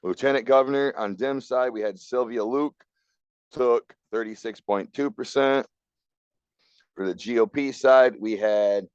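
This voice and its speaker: A man's voice: mid-range voice, darkish tone, clear, resonant tone, dry recording, highs cut off. A man co-hosting a podcast, talking through politics in a blunt, opinionated way. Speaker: podcast co-host. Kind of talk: casual political talk.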